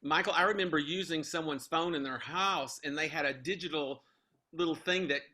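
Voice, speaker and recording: A middle-aged man on a video call telling anecdotes with deadpan jokes. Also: a little high, brisk. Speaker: guest singer.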